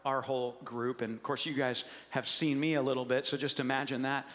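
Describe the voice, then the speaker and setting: A man preaching a sermon as pastor, telling stories and acting out quotes with lively energy. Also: mid-range voice, fairly quick, long reverb tail. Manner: animated storytelling with acted-out quotes.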